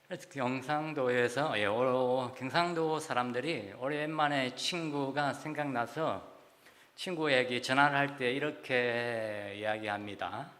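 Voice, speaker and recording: Gyeongsang pastor preaching in a bright, echoing church. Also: male voice, medium pitch, a little slow. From South Gyeongsang, Korea. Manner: warm, chatty preaching with frequent "ye" fillers. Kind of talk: sermon. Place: church sanctuary. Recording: long hall reverb.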